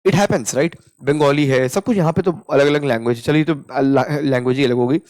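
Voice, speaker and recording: A young Indian-accented man runs an informal English lesson at a mid pitch. He slips between Hindi and English and slows right down to repeat each example sentence. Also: a little mellow. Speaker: English teacher. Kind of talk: casual spoken English lesson.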